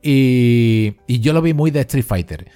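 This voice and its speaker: A man's voice: mid-range voice, animated, slow, mellow, dry recording. A man from Spain co-hosting a casual film discussion, rambling with many fillers and restarts. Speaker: podcast co-host.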